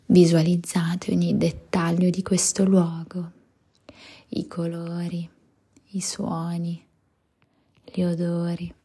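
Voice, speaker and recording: Very breathy woman whispering a slow guided meditation. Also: on the low side, completely flat delivery. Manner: soft, soothing spa-like whisper.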